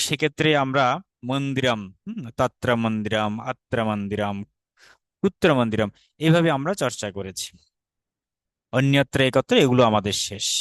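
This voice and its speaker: A man's voice: mid-range voice, no echo. A man with a Bangladeshi Bengali accent teaching an online class, patient, repeating drills and often checking that students follow. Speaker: Sanskrit teacher.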